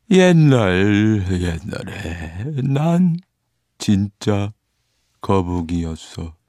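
A man voicing a mournful, self-important old turtle in a storybook reading, with drawn-out, halting phrases and heavy sighs. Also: lowish voice, very animated, mellow, no room sound, studio quality. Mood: mournful, wistful.

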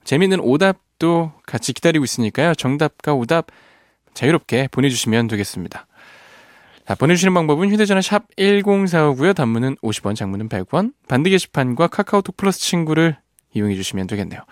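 A male radio host runs a music quiz from the studio, joking his way through listener texts. His pitch swings widely and sits a little high. The sound is close and dry. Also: lively intonation, quick pace, no echo. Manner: playful, laughs often, strains voice singing a line.

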